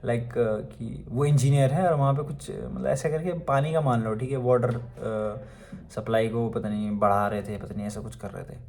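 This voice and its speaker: A man's voice: mid-range voice, fairly even intonation, moderate pace, darkish tone. Young Indian man, conversational storyteller, loose and chatty, filler-heavy delivery. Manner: chatty, many fillers and asides. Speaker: vlogger. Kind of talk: casual storytelling.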